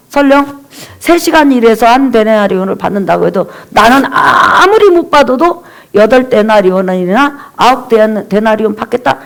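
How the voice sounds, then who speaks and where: A woman pastor preaches in a high voice. She retells the story by acting out each character's lines. She keeps calling on the congregation to read aloud and say amen. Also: creaky. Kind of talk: sermon.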